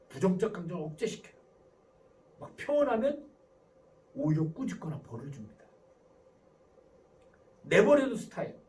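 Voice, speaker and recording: A man giving a lively lecture on parenting who acts out example dialogues as he explains. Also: high voice, recorded from a distance.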